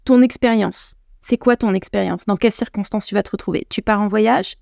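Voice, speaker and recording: A woman's voice: mid-range voice, fairly quick, creaky, a little mellow, no room sound, clean studio sound. A French woman hosting a podcast, giving casual advice to the listener in a chatty way, full of restarts. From France. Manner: chatty, addresses listener directly, many restarts. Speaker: podcast host, English coach.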